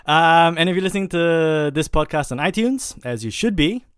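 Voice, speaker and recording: A man's voice: on the high side, animated, normal speed, fairly bright tone, smooth, dry recording, studio quality. A man hosting a podcast in casual chat, rambling and correcting himself as he goes. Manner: rambling, with many fillers and self-corrections. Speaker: podcast host.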